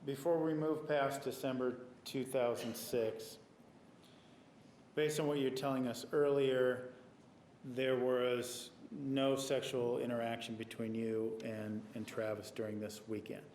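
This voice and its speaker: A man working as a trial attorney, questioning a witness in a measured, deliberate way with pauses. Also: mid-range voice, flat delivery, darkish tone. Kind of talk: courtroom questioning. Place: courtroom. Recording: echoey courtroom audio with faint noise.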